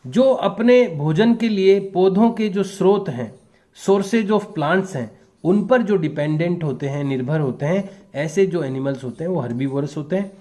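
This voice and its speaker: A male teacher, his voice pitched a little high for a man. He dictates answers at an unhurried, deliberate pace, translating each phrase as he goes. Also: expressive, warm tone. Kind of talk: classroom lesson, bilingual explanation.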